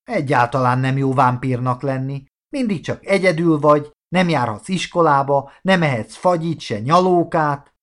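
A man voicing a shy, gentle young vampire boy who speaks hesitantly. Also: on the high side, animated, lightly acted. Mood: gloomy. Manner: hesitant, embarrassed.

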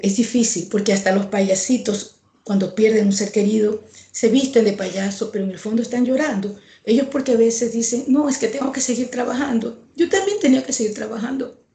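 A woman's voice: medium pitch, warm tone. A woman painter answering an interview, talking earnestly and reflectively, repeating herself for emphasis. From Ecuador. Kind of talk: conversational interview. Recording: echoey room.

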